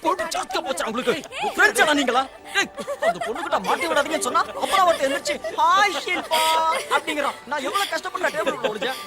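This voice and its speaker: A man's voice: extremely high pitch, sing-song, very fast, a loud crowd. An actor playing a cocky young man who teases and bosses his friends in a dubbed film. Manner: teasing, bossy with friends. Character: cocky young male party-loving friend.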